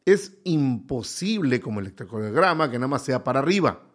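A man's voice: medium pitch, very animated, brisk. A middle-aged man giving a casual motivational talk, conversational and repeating phrases for emphasis.

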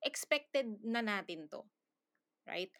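A woman's voice: mid-range voice, expressive, slow, fairly bright tone. A woman co-hosting a casual podcast chat, ranting bluntly and sarcastically with laughs and swearing. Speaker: podcast co-host.

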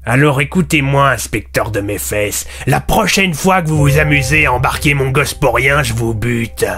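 A man's voice: mid-range voice, moderate pace, a bit bright, close to an everyday voice. A man playing an aggressive, violent father who hurls crude insults and threats, with faint music behind. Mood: hostile. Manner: insulting, menacing, crude slang.

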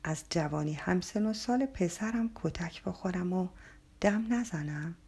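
A woman narrating a story with a breathy, half-whispered, dramatic delivery. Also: fairly low pitch, lively intonation, darkish tone.

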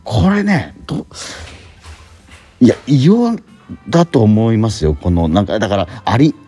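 A man hosting a radio show chats casually to promote a stage play, halting, repeating himself and searching for words as he goes. His lowish voice is warm and husky with lively intonation, and soft music plays in the background.

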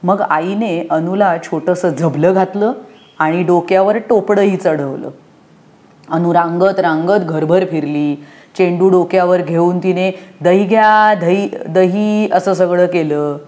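A woman reads a children's story aloud, expressive and lively, putting on voices for the characters. Her own voice is fairly low for a woman. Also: unhurried.

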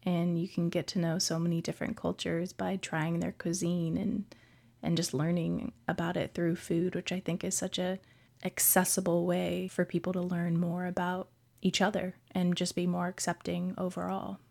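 A woman with a lowish, gravelly voice speaks flatly and matter-of-factly in a casual discussion. Her tone stays even throughout. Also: normal speed. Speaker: panel guest.

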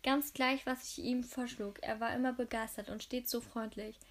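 A woman's voice: a little high, fairly even intonation, normal speed, close to an everyday voice. A woman reading the lines of a grieving young female artist, tearful and shaken.

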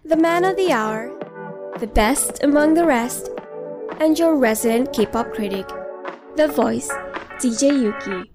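A woman's voice: high-pitched, animated, a little slow, pauses often. A woman reading a hyped, teasing scripted show intro as the announcer. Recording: music playing behind.

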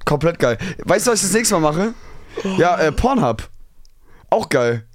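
A man's voice: fairly high pitch, big pitch swings, fairly quick, no room sound. A tired young man co-hosting a podcast, chatting casually and teasing his partner. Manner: teasing, joking interjections. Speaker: podcast co-host. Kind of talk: casual chat.

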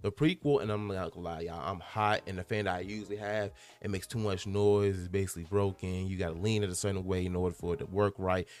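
A man's voice: sits low, fairly even intonation, quick pace, few pauses. A man hosting a casual gaming podcast who reads out a news article and keeps breaking off to ramble and stumble over his words. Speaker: podcast host.

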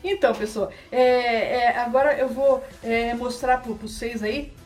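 A woman's voice: on the high side, steady tone, unhurried, darkish tone, soft background music. A woman vlogger telling a comic story, rambling and repetitive, stacking little filler tags between every phrase. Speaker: comedic vlogger.

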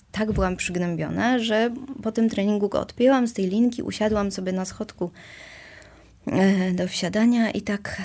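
A woman's voice: medium pitch, gravelly, a little mellow. A woman in casual conversation, talking reflectively and self-mockingly, with many hesitations and small laughs.

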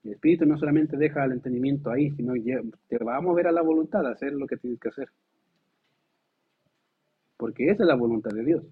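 A pastor delivering a lively, conversational sermon, asking the congregation rhetorical questions and acting out quotes. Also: male voice, medium pitch, fast, long pauses, husky. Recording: tinny phone-like sound.

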